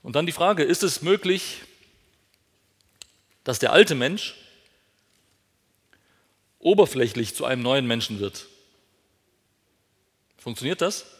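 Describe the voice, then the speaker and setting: A man of middle pitch delivering a sermon, asking questions aloud and answering them himself. He leans hard on important words, lifting his voice to drive each point home. His voice carries a long reverb, as if recorded in a large hall. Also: lively intonation, slow pace, pauses often, slightly rough. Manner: emphatic, rises sharply on key words. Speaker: preacher.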